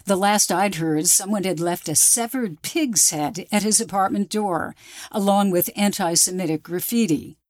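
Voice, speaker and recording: A woman's voice: medium pitch, normal speed, darkish tone, no room sound, studio quality. A woman reporter reading scripted narration for a radio documentary.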